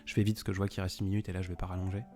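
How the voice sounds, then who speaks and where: Over background music, a young man with a low voice talks very fast in an even tone while hosting a live stream. A poet by trade, he rambles off the cuff, chatting casually and answering viewers directly by their names.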